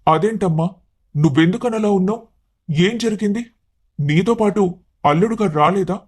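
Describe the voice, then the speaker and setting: A woman voicing a worried, gentle older father in a storybook tale, pitching her voice lower. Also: moderate pace, slightly rough, lightly acted. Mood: anxious. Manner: pleading, anxious.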